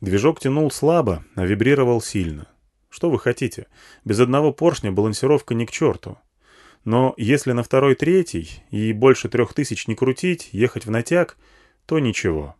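A man narrates a first-person audiobook in a dry, matter-of-fact way. His pitch sits in the middle and moves a lot. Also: expressive, normal speed, darkish tone. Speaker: audiobook reader.

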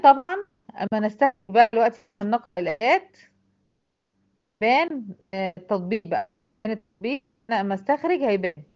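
A woman with an Egyptian accent teaches tajweed at a brisk pace. She explains each rule patiently and keeps checking whether her students follow. The recording sounds dull and lo-fi. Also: on the high side, expressive. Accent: Egyptian Arabic. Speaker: Quran recitation teacher. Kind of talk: online tajweed lesson.

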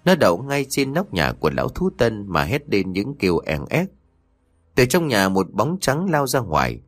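A male narrator reads a horror audiobook with dramatic storytelling. His voice sits on the lower side, yet his pitch moves in lively swings to build dread. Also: normal speed, no room sound, studio quality.

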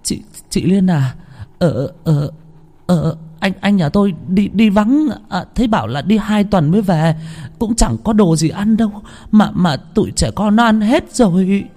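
A man's voice: high-pitched, animated, measured pace, warm tone, voice pushed up, heavily acted. A man voicing a frightened old grandmother who stammers and hesitates as she answers.

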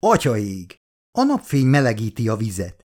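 A man's voice: lowish voice, huge pitch swings, a little mellow. A man voicing a frantic young female scientist, pleading and alarmed in an audiobook reading. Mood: amazed.

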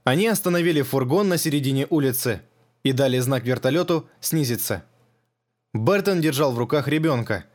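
A male narrator reads an audiobook at a measured, even pace. His voice is mid-pitched and steady, and his delivery stays controlled throughout. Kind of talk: scripted narration.

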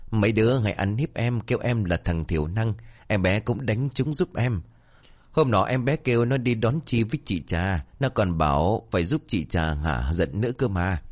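A man's voice: lowish voice, lively intonation, normal speed. A man voicing a grown man with a child's mind, who talks in a childish, pouting way. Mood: sulky.

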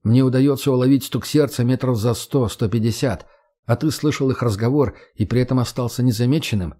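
Man playing a calm, blunt young man. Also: medium pitch, fairly quick, natural voice. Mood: skeptical. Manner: calm, blunt, matter-of-fact. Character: cool, self-assured young man, blunt and persuasive.

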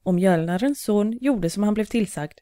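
Female storybook narrator: calm, even, warm dark tone, dry close recording. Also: medium pitch, no room sound.

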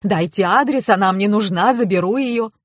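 A woman voicing a fussy, exasperated portly male police colonel in an audiobook, talking down slowly and emphatically. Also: medium pitch, dry recording, studio quality, natural voice. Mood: impatient. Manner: grumbling, condescending, slow and emphatic. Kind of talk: audiobook character reading.

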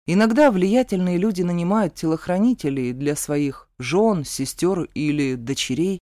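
A woman reading an audiobook, voicing a stern, protective young male warrior with a low, gruff growl and curt, firm refusals. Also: normal speed, mellow, dry recording, clean studio sound, close to an everyday voice. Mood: reluctant. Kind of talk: audiobook character voice.

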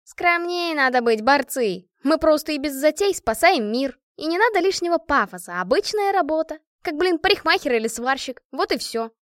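A woman's voice: sits high, animated, moderate pace, fairly bright tone, no echo, clean studio sound, voice pushed up. A woman voicing a brash, sarcastic young woman who talks in a mocking, slangy way.

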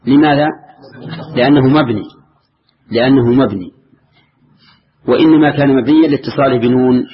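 An older man teaching a grammar lesson, repeating key phrases and quizzing his students. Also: medium pitch. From Saudi Arabia. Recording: dull lo-fi lecture recording.

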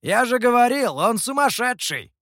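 A man's voice: very high voice, big pitch swings, normal speed, fairly bright tone, dry recording, studio quality, pitched above the performer's own voice, exaggerated voice. A man voicing a brash, impatient male monkey demon with a cocky, menacing manner.

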